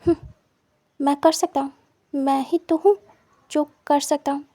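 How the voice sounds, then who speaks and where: Woman doing a teasing tormentor, quiet, slow, mocking. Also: high-pitched, fairly even intonation. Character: cruel teasing young man, smug tormentor.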